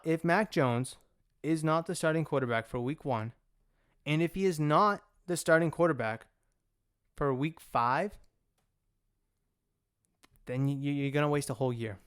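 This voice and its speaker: A man's voice: fairly high pitch, clear, resonant tone. A young man hosting a solo sports talk podcast, opinionated and rambling, often correcting himself mid-sentence. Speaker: podcast host.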